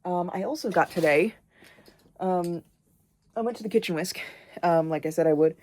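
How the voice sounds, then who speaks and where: A woman's voice: lowish voice, moderate pace, a little mellow, dry recording. A young woman chatting casually in a home vlog, rambling and swearing offhandedly as she talks about cooking in her kitchen. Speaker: vlogger. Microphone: camera on a stand nearby.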